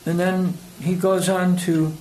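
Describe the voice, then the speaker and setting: With a flat delivery and slow pace, an older American man preaches in a high, slightly mellow voice. He meanders hesitantly through personal anecdotes, chuckling between phrases, on poor audio with clear background noise.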